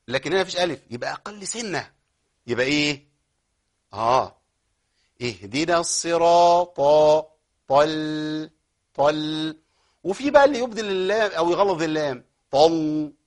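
A man with an Egyptian accent teaching Quran recitation rules. He explains common mistakes, then recites words slowly and repeats them. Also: high-pitched, a bit bright, husky. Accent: Egyptian Arabic. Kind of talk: tajweed lesson with recited examples.

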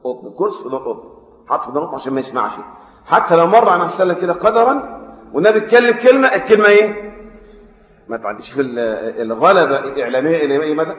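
Fast-talking Egyptian preacher in an echoey hall. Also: male voice, on the high side, big pitch swings. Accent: Egyptian Arabic. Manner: switches between loud emphatic stresses and quiet asides, asks the audience questions. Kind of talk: religious lesson explaining classical texts. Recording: echoey hall, dull lo-fi sound.

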